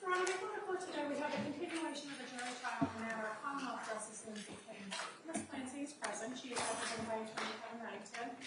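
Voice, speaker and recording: A woman's voice: a little high, rapid-fire, long pauses, fairly bright tone. A woman, a court clerk, making a formal courtroom announcement. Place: large indoor courtroom. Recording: very echoey courtroom, distant mic, faint noise.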